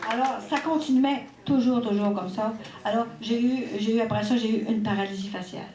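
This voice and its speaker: A woman's voice: a little high, a little fast. Older Québécois woman telling her story. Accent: Québécois French. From Quebec. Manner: lively, expressive storytelling with asides and laughter. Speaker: testimony giver at a religious mission. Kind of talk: personal faith testimony. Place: church hall at a religious gathering. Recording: echoey hall, faint background noise.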